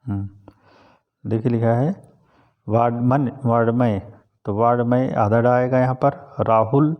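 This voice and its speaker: A man teaching an exam class on spelling correction, calmly going through each word and repeating its correct form. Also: medium pitch, unhurried, lo-fi sound. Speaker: Hindi exam tutor.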